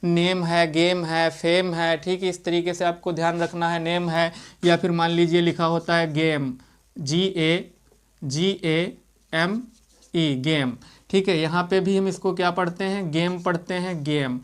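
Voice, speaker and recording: A man's voice: a little high, little pitch movement, moderate pace, few pauses, clean tone. A man teaching English pronunciation in an explanatory lesson. He spells words out letter by letter, asks himself rhetorical questions and keeps checking in with the class. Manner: keeps repeating "theek hai" to check in.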